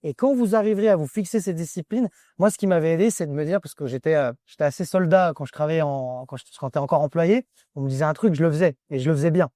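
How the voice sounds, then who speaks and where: A man's voice: on the high side, fast, few pauses, dark tone, dry recording, studio quality. A man as a guest in a casual interview, giving direct advice in short, broken phrases. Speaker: guest trader.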